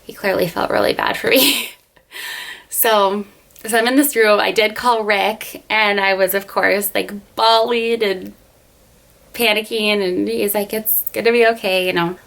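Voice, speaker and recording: A woman's voice: medium pitch, fairly even intonation, a little slow, gravelly, a bit bright. A young woman telling a personal story in a casual storytime vlog, chatty and full of fillers. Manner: chatty, many fillers, retells scenes. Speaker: vlogger.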